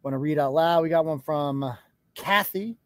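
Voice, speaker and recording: A man's voice: fairly high pitch, moderate pace, a bit bright, dry recording. A man hosting a live show, ranting sarcastically and profanely and mocking people in put-on voices. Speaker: podcast host.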